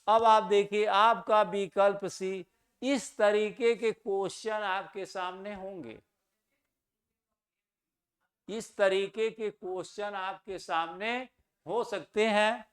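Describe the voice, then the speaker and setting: A man teaching a Hindi grammar lesson for exam students, who asks questions and answers them himself and repeats key words slowly to stress their correct pronunciation. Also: sits high, fairly even intonation, fairly bright tone.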